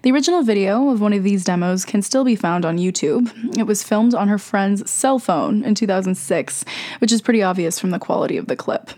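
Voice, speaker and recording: A woman's voice: mid-range voice, lively intonation, fairly quick, mellow. Stuffy-nosed young woman radio host, sore throat. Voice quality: slightly congested, stuffed-up nasal sound. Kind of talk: scripted music commentary narration.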